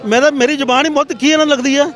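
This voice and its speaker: Fast, high-voiced angry middle-aged man. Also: steady tone, a bit bright. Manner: angry, ranting, defiant. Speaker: party volunteer. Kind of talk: street interview.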